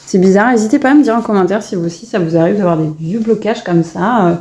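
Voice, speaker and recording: A woman's voice: medium pitch, fast, a little mellow, slight background noise. A woman casually showing her finished coloring pages in a vlog, chatty and full of hesitations and restarts. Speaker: coloring vlogger. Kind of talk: casual show-and-tell vlog.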